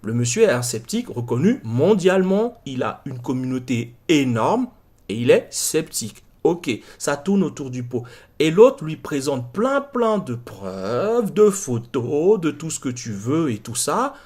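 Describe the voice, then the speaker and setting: Guy with a kinda high voice rambling through a story on his channel, lots of repeats and restarts. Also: a little slow. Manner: animated, repeats himself, frequent restarts. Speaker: channel host. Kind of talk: casual storytelling monologue.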